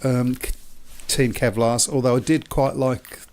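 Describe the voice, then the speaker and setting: A man hosting a sports podcast in casual chat, relaxed and hesitant with many fillers. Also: mid-range voice, unhurried, slight background noise. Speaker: podcast host.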